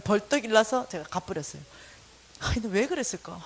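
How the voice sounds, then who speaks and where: Animated Korean woman with Gyeongsang accent. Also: medium pitch, brisk, creaky, breathy edge. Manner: lively storyteller acting out both sides of the dialogue. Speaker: church lecturer. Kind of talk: storytelling lecture to a congregation.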